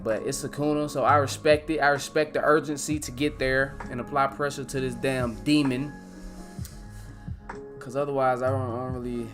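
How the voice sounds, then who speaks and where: A young man hosting a casual live stream. He talks in an animated, excitable way, swears freely and keeps saying "bro". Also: medium pitch. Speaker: live-stream host reacting to manga.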